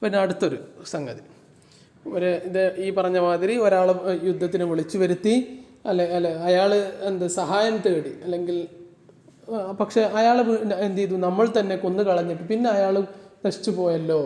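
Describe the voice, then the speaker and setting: A man teaching Arabic grammar. He reads Arabic lines slowly and then explains them in quick, chatty asides. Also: sits high, mellow, roomy sound. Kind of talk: classroom-style lesson explaining Arabic verses.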